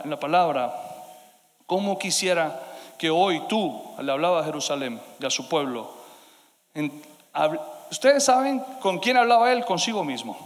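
High-voiced preacher in a reverberant hall. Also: male voice. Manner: dynamic preaching, swinging between loud emphasis and hushed asides. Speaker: pastor. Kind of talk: sermon.

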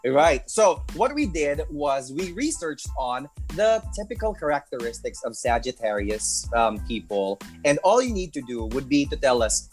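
A host with a Filipino accent who leads a chat show in an expressive way and mixes English with Tagalog. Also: medium pitch, normal speed, few pauses, faint music behind. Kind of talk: casual talk-show chat.

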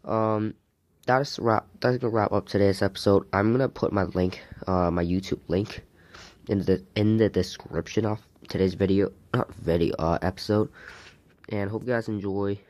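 A man hosting a casual solo gaming podcast, talking haltingly while getting over a sore throat. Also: lowish voice, fairly even intonation, darkish tone, no room sound. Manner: halting, hesitant delivery. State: sick, recovering from a sore throat.

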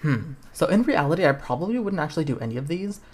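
A man's voice: fairly high pitch, very animated, fast, darkish tone. A young man hosting a podcast, reading the choices of a choose-your-own-adventure game aloud and adding wry, self-mocking asides. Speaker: podcast host.

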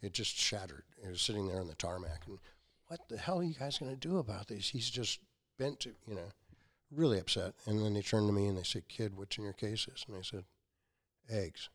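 A brisk, fairly low-pitched man, a company founder in his sixties, spins casual tales as a guest. He plays out the quotes in them like an animated storyteller.

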